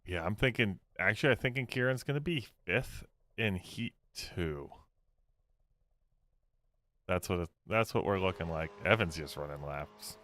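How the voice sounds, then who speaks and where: A man's voice: low voice, measured pace, dry recording. A man giving color commentary on a race, laid-back and rambling with fillers. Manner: relaxed, rambling analysis with fillers.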